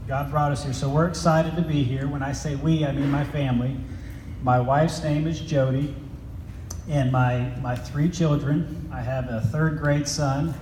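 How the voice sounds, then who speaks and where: A man's voice: a little high, steady tone, unhurried, darkish tone. A middle-aged man gives a chatty chapel talk to students, joking and quizzing the crowd. His voice carries through a large, echoey hall with a long reverb tail. A faint hiss sits under it. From grew up in Italy and Germany. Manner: chatty, jokey, asks the kids questions. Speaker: school head speaking at chapel. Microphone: handheld microphone.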